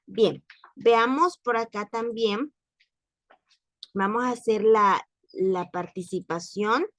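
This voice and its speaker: A woman teaching French in an online class, speaking slowly and repeating words for practice. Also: mid-range voice, fairly bright tone, dry recording. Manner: slow, careful, repeats words for drilling.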